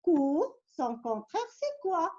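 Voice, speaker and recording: A high-pitched woman teacher reads riddles aloud to her young pupils, coaxing them along with patient questions and hints. She speaks slowly with a lively, rising and falling tune. The recording sounds dull and lo-fi. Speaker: primary school teacher. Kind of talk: reading riddles to pupils in a vocabulary lesson.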